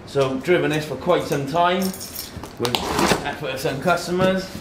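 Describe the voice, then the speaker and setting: Unhurried and a little high in pitch, this thirty-something man hosts a laid-back tech unboxing. He speaks in short phrases while handling boxes and products in an echoey office meeting room filled with background noise and handling clatter.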